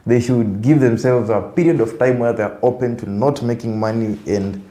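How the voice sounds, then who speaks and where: Kenyan male podcast host, mellow tone, roomy studio sound, casual advice-giving chat. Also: mid-range voice, normal speed. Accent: Kenyan English. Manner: mixes Swahili into English. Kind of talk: casual round-table chat.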